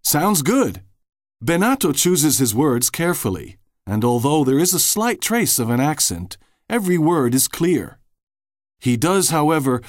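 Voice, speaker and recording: A man narrating a scripted language-learning feature as the host, in a clear, lively delivery. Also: medium pitch, dry recording, studio quality.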